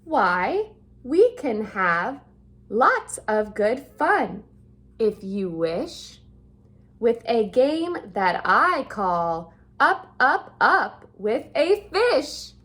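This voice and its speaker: A woman voicing a playful, show-off male cat in a storybook read-aloud, in a slow, sing-song rhyming delivery. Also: on the high side, sing-song, a bit bright, full character voice. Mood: boastful. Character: playful male cat in a hat, showing off tricks.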